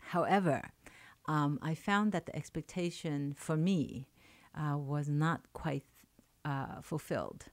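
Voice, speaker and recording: Speaking slowly in a low voice, this woman is a poet and professor from China, with Chinese as her first language, appearing as a radio interview guest. The studio recording carries no room sound. Her speech is reflective, full of fillers and false starts.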